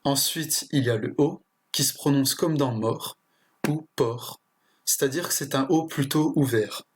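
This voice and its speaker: Male tutor, slightly breathy voice, talks through a lesson with hesitations and restarts. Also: medium pitch, measured pace. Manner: hesitant, with frequent fillers and restarts. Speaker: language teacher. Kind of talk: explanatory lesson.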